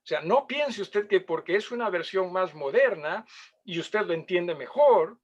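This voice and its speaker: Pastor teaching Bible grammar, high voice. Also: male voice, animated, unhurried, muffled recording. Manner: explanatory, checks listeners with frequent questions.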